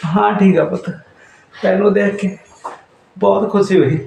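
An actor playing an ailing elderly father who gently comforts his returning daughter. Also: high voice, steady tone, normal speed, creaky, a little hiss or hum. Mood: comforting. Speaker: father character. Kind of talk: Punjabi short-film acting. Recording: roomy echo, mic at a distance.

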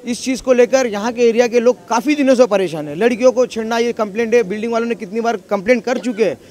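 High-voiced, fast-talking aggrieved man. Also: a little mellow. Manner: aggrieved, insistent. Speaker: local resident. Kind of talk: street interview.

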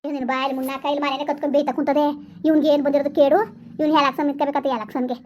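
Brief: woman doing a high, fast-scolding village mother in a comedy skit. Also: little pitch movement, lightly acted. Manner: loud lamenting and scolding. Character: wailing, cursing village mother, middle-aged woman. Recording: dull lo-fi recording.

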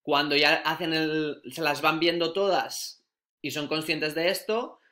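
A male primary school teacher giving a phonics lesson, slowly sounding out and repeating letter sounds. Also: a little high, fairly even intonation, sharp tone.

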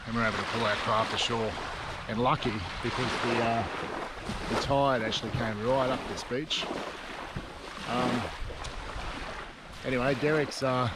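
Chatty Australian man on a windy beach. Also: medium pitch. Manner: relaxed, chatty, with frequent ums and restarts. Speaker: vlogger. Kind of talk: casual outdoor vlog narration. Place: outdoors on a windy tropical beach. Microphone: action camera held at arm's length. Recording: wind noise from outdoors. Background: wind and lapping water.

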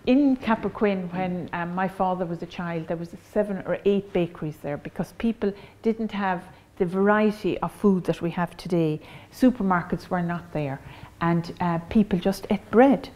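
A woman's voice: lowish voice, normal speed, few pauses, mellow. An older woman with an Irish accent, a bakery owner explaining her trade plainly in a documentary interview, with some fillers. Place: café interior.

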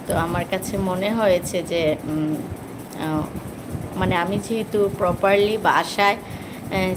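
Woman from Bangladesh, live stream host, casual chat, slightly low voice, noisy traffic behind. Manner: chatty, with many hesitation sounds. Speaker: vlogger hosting a livestream. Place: at home after coming in from outside.

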